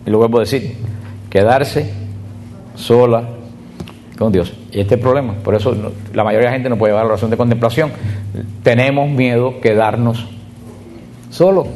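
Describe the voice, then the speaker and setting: A man's voice: mid-range voice, fairly even intonation, darkish tone, soft background music. Man preaching to a retreat group. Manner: speaks to a group, direct and repetitive, slowing on key words. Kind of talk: sermon.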